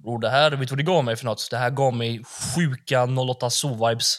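A man's voice: mid-range voice, steady tone. A young man from Gothenburg with a Gothenburg accent, co-hosting a podcast and chatting eagerly about hip hop, full of slang and swearing. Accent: Gothenburg Swedish. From Backa, Gothenburg, Sweden. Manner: slangy, swears freely, enthusiastic. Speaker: podcast co-host.

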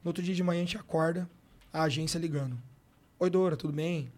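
A man's voice: on the high side, fast, darkish tone. Slangy Brazilian man telling a story. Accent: Brazilian Portuguese. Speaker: sports coach, podcast guest. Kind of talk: casual storytelling interview.

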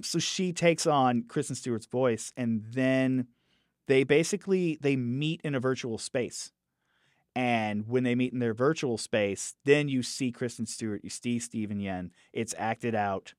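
Man giving a lively film review. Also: mid-range voice, measured pace, dry recording, studio quality. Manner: animated, acts out quoted characters in raised voices; restarts phrases while thinking aloud. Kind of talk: casual podcast film review.

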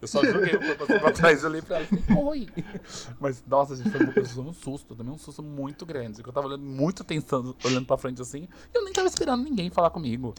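A young man with a Brazilian Portuguese accent, chatting casually as a guest and telling lively stories, laughing often and acting out what people said. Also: a little high, fast talker, a crowd in the background. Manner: animated storyteller, laughs often, acts out quotes. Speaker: streamer guest. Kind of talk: casual podcast chat.

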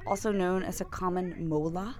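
A woman from Massachusetts co-hosting a podcast in casual comedic chat, joking and animated. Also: fairly low pitch, moderate pace, a loud crowd. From Massachusetts, USA. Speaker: podcast co-host.

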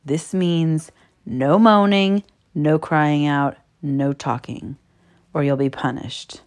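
A woman reading an erotic story, voicing a dominant man who gives quiet, slow commands. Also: low-pitched, fairly even intonation. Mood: stern, hushed.

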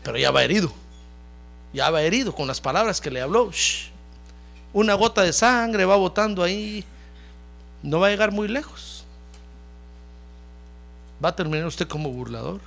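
A man's voice: high voice, normal speed, creaky, long pauses, fairly bright tone. A man preaching a sermon as pastor, talking straight to the congregation, calling them brother and having them repeat phrases after him.

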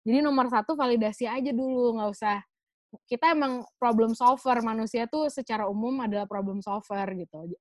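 A woman's voice: a little high, a little fast, dry recording. A woman patiently explaining things in a casual chat, slipping in English phrases. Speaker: guest explaining emotions.

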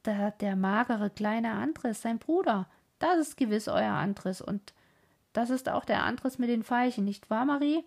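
A woman's voice: a little high, measured pace. A woman reading aloud, voicing a grown man eagerly recalling childhood stories in an old storybook. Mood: reminiscing. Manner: excited, reminiscing.

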